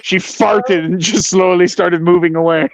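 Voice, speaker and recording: A man joking around deadpan in a casual chat stream. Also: sits high, normal speed, no room sound. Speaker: stream co-host.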